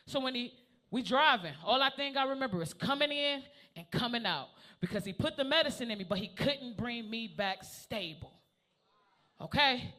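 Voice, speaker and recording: A man in his thirties doing a loud, profane stand-up set on a comedy club stage, constantly calling out to the crowd. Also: very high voice, lively intonation, normal speed.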